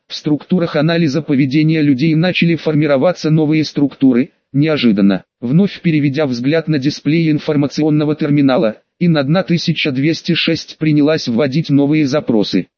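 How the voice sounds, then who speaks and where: A man narrating an audiobook in a steady, even reading. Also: on the high side, no room sound, dull audio. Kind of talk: scripted narration.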